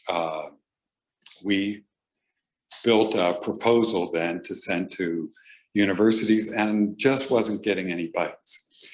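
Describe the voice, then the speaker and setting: A man, the exhibiting artist, speaking casually and hesitantly with many pauses at a gallery event. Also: low voice, poor audio. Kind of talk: casual spoken remarks.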